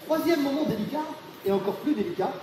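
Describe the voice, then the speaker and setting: A man's voice: very high voice, expressive, fast. A man teaching a martial arts technique and explaining each step, often checking in with his students. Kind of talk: technique demonstration. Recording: echoey hall with reverb and faint noise.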